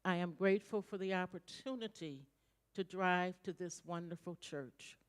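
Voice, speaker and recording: A woman leading a slow, calm gratitude prayer in a church, repeating her thanks line by line. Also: lowish voice, clean tone. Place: church sanctuary.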